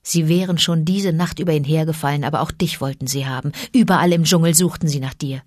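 A woman voicing a calm, watchful male panther who talks low and confiding in a storybook reading. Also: quick pace, no room sound, studio quality. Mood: warning.

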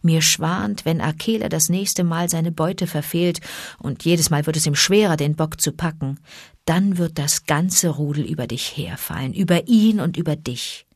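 Wise protective panther, low and hushed, read by a woman; dry close sound. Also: moderate pace, no echo. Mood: confiding. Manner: calm, low and confiding, urgent at times. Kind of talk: audiobook character reading.

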